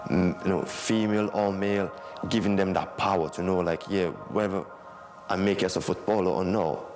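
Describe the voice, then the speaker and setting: A young man in his twenties from Guinea speaks in a very low voice, loose and conversational, with lots of "like, you know" fillers. Clear music plays underneath him throughout. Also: normal speed. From Guinea, West Africa. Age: 20s. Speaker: interviewee, former academy footballer. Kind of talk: casual interview talk.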